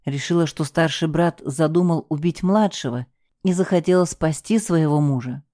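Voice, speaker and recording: Brief: expressive woman narrator, first-person story, warm dark voice. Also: deep voice, moderate pace, no echo, studio quality. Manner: lively, expressive reading. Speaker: audiobook narrator.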